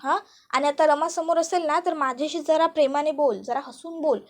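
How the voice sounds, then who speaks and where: A woman's voice: high voice, brisk, darkish tone, natural voice. A woman voicing a meddling, scheming father who gives coaxing, insistent orders, in a retelling of a TV serial. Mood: pushy.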